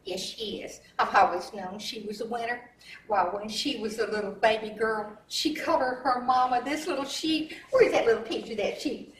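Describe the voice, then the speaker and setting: A woman's voice: on the high side, normal speed, echoey room, far from the mic, a little hiss or hum, lightly acted. An actress playing a boastful, doting country pageant mother with a folksy way of talking.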